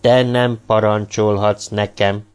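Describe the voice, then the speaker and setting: A man reading an audiobook, voicing a captured male robot assassin who answers quietly, slowly and stubbornly. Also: on the low side, level tone, clear, resonant tone, soft background music, close to an everyday voice. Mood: defiant. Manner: soft, slow and stubborn.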